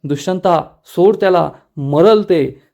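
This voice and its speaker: A man's voice: sits high, takes it slowly, vocal fry, a little mellow, heavily acted. A man reading the lines of a stern older village patriarch.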